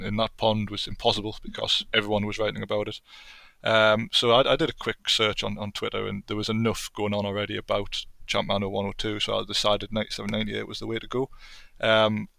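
Geordie man, Newcastle accent, bright forceful tone, gravelly edge, casual podcast guest chat. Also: lowish voice, no room sound.

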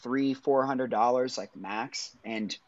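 A man on a livestream talking through practical advice in a relaxed conversational way, often saying "I mean". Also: mid-range voice, takes it slowly, no room sound, muffled recording. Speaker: guest sharing business advice. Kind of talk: casual chat.

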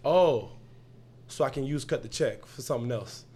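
Young male host, loose slang-filled banter, quick laughs, mid-range voice. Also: mid-range voice, crowd noise. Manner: lively, laughs often, trails into restarts. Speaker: podcast host. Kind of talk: casual slang-heavy chat.

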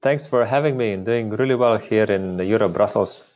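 Slovenian-accented male priest, interview guest, halting delivery, muffled remote sound. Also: on the low side, darkish tone. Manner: hesitant, many filler pauses. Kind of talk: interview conversation.

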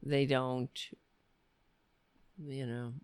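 An American woman with a raspy voice hosting a casual livestream, talking in a blunt, emphatic way and repeating phrases. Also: very deep voice, level tone, very slow, darkish tone, no echo. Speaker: livestream show host. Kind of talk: casual livestream monologue with political commentary.

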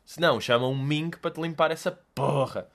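A man's voice: on the high side, fairly quick, fairly bright tone. A young man with a Lisbon Portuguese accent, telling a rambling comic story as a podcast host, slangy and sweary, acting out bits. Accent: European Portuguese, Lisbon. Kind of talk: casual comedic monologue.

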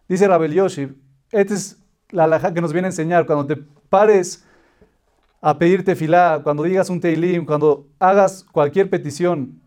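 A man with a fairly high voice teaches a Torah lesson. He tells a parable and explains it patiently, stacking short repeated phrases one after another. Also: a little mellow. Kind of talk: religious lesson with a told parable.

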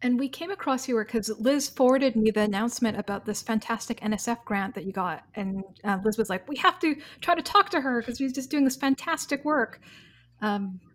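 A woman's voice: fairly high pitch, a little fast. A woman hosting an interview in an enthusiastic, chatty way. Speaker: interview host. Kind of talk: casual interview conversation.

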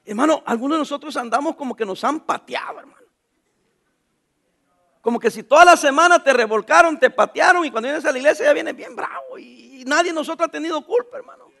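A man's voice: very high-pitched, gravelly. A middle-aged man preaching a sermon, calling out to the congregation and reading scripture aloud with them. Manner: animated preaching, calls out to the congregation; reads scripture slowly with the congregation. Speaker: pastor.

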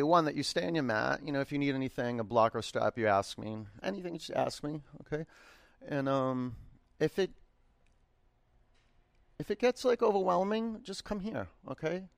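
A man teaching a yoga class, giving unhurried, encouraging and informal instructions, often gently repeating his cues. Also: mid-range voice, gravelly, dry recording.

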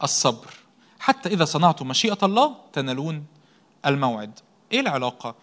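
Egyptian man, sermon, high voice, rapid-fire, self-answered questions, repeats key words. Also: sing-song, fairly bright tone. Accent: Egyptian Arabic. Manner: rhetorical questions answered by himself, emphatic repetition. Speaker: preacher.

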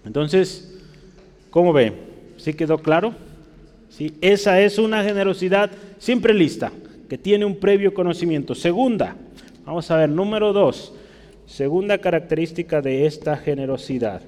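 A man's voice: sits high, animated, normal speed, a little mellow. A man preaching a sermon as a pastor, teaching and checking often whether his listeners follow. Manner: teaching, asks the congregation frequent checking questions. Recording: long hall reverb.

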